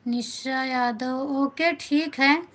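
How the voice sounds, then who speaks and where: A middle-aged woman from north India hosts a casual live stream from her phone. Her voice sits a little high. She talks in a chatty way, greets viewers by name and thanks them again and again. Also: slow, poor audio. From Awadh, north India. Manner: chatty, warm-toned greetings, repeats thanks, reads out viewer names. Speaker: folk singer hosting a live stream.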